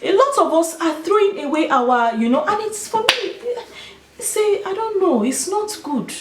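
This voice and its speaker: A woman's voice: very high voice, expressive, normal speed, background noise. A woman with a Nigerian Igbo accent talking casually and emphatically to her viewers, giving her opinions. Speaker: video host. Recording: roomy, echoing sound.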